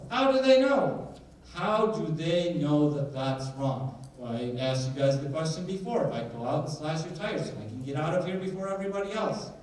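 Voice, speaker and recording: A man's voice: fairly high pitch, lively intonation, fairly quick, hardly any pauses, a little mellow, slight background noise. A man giving a conversational lecture to a live audience, questioning the crowd and joking as he goes. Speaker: attorney giving a presentation. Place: large hall. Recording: echoey hall, heard from a distance.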